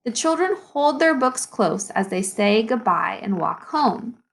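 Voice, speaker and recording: A woman with a creaky voice on the high side plays an elementary school teacher reading a children's picture book aloud. She reads with expression and an instructive tone, pausing to explain and to ask questions.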